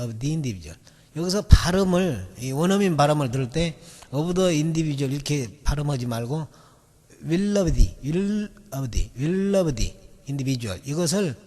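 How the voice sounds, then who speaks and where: A man's voice: fairly high pitch, a little mellow, slightly rough. Man teaching in a reverberant hall. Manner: patient, repetitive explaining, drawing out key words. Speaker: English memory-method teacher. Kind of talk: recorded video lecture.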